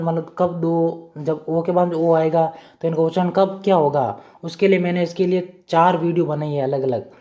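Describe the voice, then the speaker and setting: On a dull, lo-fi recording, an Indian-accented man with a high-pitched yet dark-toned voice walks through English pronunciation rules step by step. He is repetitive, often asking a question aloud and supplying the answer himself.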